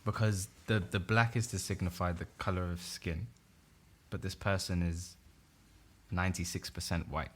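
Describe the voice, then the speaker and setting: A man's voice: low-pitched, steady tone, normal speed, slight background noise. A young man co-hosting a podcast, arguing his point insistently in a casual debate. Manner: insistent, repeats no over and over. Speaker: podcast co-host.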